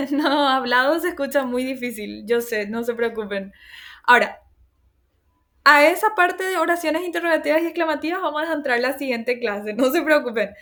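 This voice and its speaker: A woman's voice: high-pitched, normal speed, fairly bright tone. Patient woman teacher explaining grammar. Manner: patient explaining, often checks with "¿verdad?"; reassuring, laughs at herself. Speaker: language teacher. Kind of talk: online class lecture.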